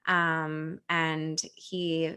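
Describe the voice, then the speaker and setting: A woman's voice: deep voice, flat delivery, drawn-out words, bright, forceful tone, smooth. A young woman speaking as a podcast guest, earnestly talking about her husband and her dreams, with a lot of 'like' and 'you know'. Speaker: podcast guest, hockey player's wife. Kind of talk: casual interview talk.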